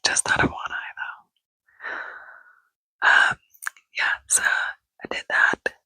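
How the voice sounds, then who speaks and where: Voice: takes it slowly, pushed and bright, no room sound, poor audio. An ASMR creator in a rambling, chatty whisper with many fillers, speaking close to a microphone held near the mouth, seated indoors. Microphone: close mic held near the mouth.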